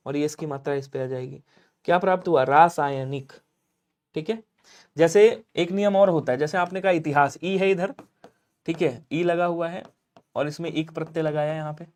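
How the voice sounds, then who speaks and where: A man teaching a live online exam-prep class, lively and coaxing students to answer, with sudden loud emphasis. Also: on the high side.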